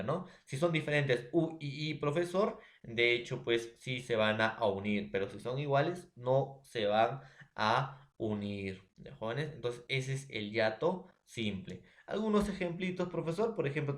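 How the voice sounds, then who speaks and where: A man with a Peruvian Spanish accent teaching a recorded grammar lesson, often checking in with his students. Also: medium pitch. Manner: addresses students as jóvenes, checks with ¿ya?.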